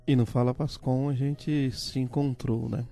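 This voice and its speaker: Guy, mellow dark voice, calm faith testimony, quiet music under it. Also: medium pitch, creaky. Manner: calm and measured, quoting scripture. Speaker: parishioner giving a testimony. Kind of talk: personal religious testimony.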